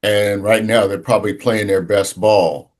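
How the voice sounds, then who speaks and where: A man co-hosting a sports podcast in casual talk, halting and searching for words with many restarts. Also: on the low side, steady tone, a little mellow.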